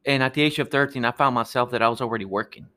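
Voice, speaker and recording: Earnest Peruvian-born man, halting speech. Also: mid-range voice, pushed and bright. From Peru. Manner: earnest, halting with many restarts. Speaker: guest, architect. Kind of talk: podcast interview.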